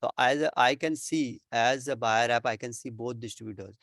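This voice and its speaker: A man with an Indian accent explains things step by step in an informal question-and-answer session. His voice sits at an ordinary male pitch and is recorded dry, with no room sound. He often rephrases and checks in with a short "right?". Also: normal speed, gravelly, a bit bright, no echo. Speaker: expert presenter answering questions. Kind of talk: informal explanatory Q&A with worked examples.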